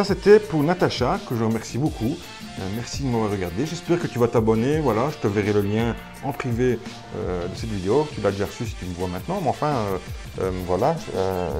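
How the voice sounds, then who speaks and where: Hesitant man, lowish voice. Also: a little mellow. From Belgium. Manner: hesitant, many fillers and restarts, self-mocking. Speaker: gardening YouTuber. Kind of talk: casual vlog talk to camera.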